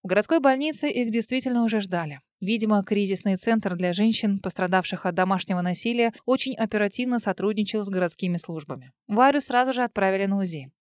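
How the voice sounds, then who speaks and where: A woman reading a novel aloud in an earnest, expressive audiobook narration. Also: medium pitch, fast, hardly any pauses, no echo. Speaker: audiobook reader. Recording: dry close studio sound.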